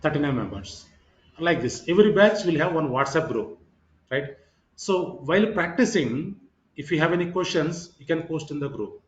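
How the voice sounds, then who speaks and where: Man, slightly high voice, informal tech trainer, repetitive, echoey room. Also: animated, normal speed. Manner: repetitive, checking with "right" and "okay". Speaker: IT course trainer. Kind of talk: informal online lecture. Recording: roomy echo, slightly muffled sound.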